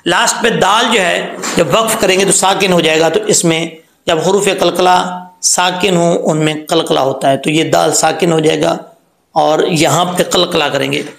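A man teaching Quran reading, patiently spelling out syllables and slowly chanting the words. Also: a little high, fairly even intonation, gravelly, a bit bright, echoey room.

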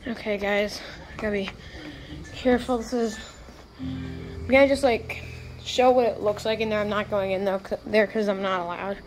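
A female vlogger talking to viewers in a nervous, hushed night-time manner while exploring indoors on a handheld camera. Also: medium pitch, steady tone, normal speed, pauses often, soft background music, poor audio. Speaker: vlogger hosting a challenge video. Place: indoors in hotel hallways. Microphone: handheld phone camera, walking. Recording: handheld recording with background noise.

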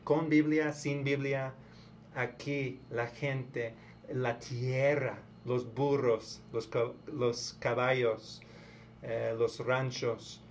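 A man from the United States giving a casual spoken sermon in a halting, preachy way, often repeating his words. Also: mid-range voice, steady tone, slight background noise. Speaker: vlogger.

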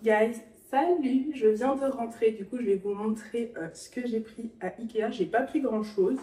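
A woman's voice: a little high, normal speed, dark tone, a little hiss or hum. A young woman vlogging in a casual chat, talking straight to the viewer. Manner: chatty, talks straight to the viewer. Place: at home.

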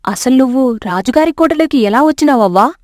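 A woman voicing a caring young village granddaughter in a storybook tale, speaking in a familiar, warm way. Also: sits high, expressive, a little fast, dry recording, clean studio sound, pitched above the performer's own voice.

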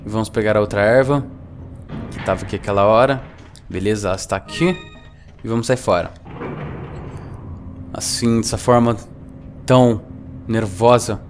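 A man doing live gameplay commentary, excitable, swearing and yelling at the enemy. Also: fairly low pitch, moderate pace, pauses often, faint music behind. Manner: excitable, swears and yells at the boss. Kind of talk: live let's-play commentary.

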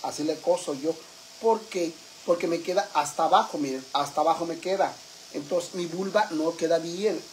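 Vieja mexicana malhablada y chismosa, la hace un hombre, voz algo aguda, con grillos de fondo suaves. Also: male voice, fairly high pitch, moderate pace, slight background noise, natural voice. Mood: chatty. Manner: crude, gossipy, addresses viewers as sisters. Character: brash foul-mouthed middle-aged woman, mother of a household. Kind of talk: comic vlog character.

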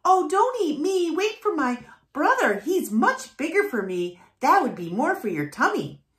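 A woman voicing a small, brave little billy goat who talks in a squeaky, pleading way. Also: big pitch swings, unhurried. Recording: echoey room.

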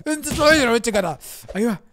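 A young man with an Egyptian Arabic accent giving excited gameplay commentary as a gaming YouTuber, often shouting and laughing. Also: extremely high pitch, very fast, slight background noise.

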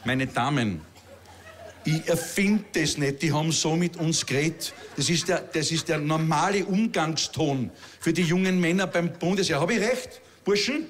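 A man's voice: fairly high pitch, moderate pace. A middle-aged man with a Viennese accent telling a stand-up story, chatty and self-mocking, with laughing asides. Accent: Viennese Austrian German. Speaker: comedian.

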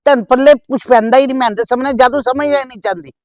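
A woman's voice: high-pitched, quick pace, no room sound, recorded from a distance, close to an everyday voice. A middle-aged woman playing a scheming mother who scolds and nags her married daughter in a scripted family skit. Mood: scolding. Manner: nagging, scolding. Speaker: mother on the phone.

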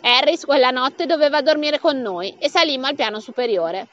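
Woman reading an audiobook, high animated voice, bit dull and lo-fi. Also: moderate pace. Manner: lively, acts out the dialogue with raised pitch. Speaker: audiobook reader.

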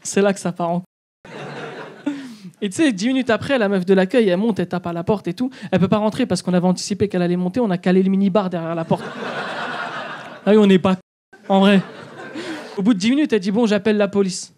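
A man's voice: high voice, fast talker, long pauses, a little mellow, a little hiss or hum. A young man doing stand-up in a comedy club, telling a story and acting out both sides of the dialogue.

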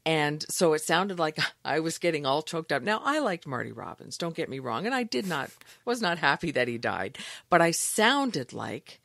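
Lowish-voiced woman telling funny radio stories. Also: moderate pace, creaky, no echo, clean studio sound. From Canada. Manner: animated storyteller, laughs often. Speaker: radio news anchor, guest. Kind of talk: casual interview storytelling.

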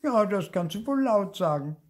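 A man's voice: sits high, normal speed, pitched above the performer's own voice. An older man reading aloud and voicing an eager, curious young boy ghost. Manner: eager, excited questions.

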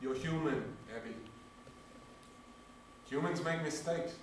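A man's voice: a little high, takes it slowly, slight background noise. An actor playing a man who questions his friend with blunt, probing questions in a live stage drama. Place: small theatre stage. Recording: echoey theatre from far off.

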